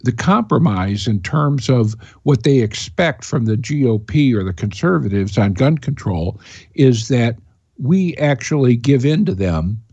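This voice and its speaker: A man's voice: medium pitch, animated, unhurried, mellow, breathy edge, no room sound. Man, talk radio host, rambling, hesitant, fillers, dry close mic, dull audio. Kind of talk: talk radio commentary and call-in chat.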